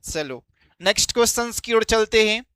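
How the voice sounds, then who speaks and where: A man's voice: high voice, animated, normal speed, a bit bright, clean tone, no room sound. A man teaching an exam-prep lesson, explaining step by step and asking quiz-style questions that he then answers himself.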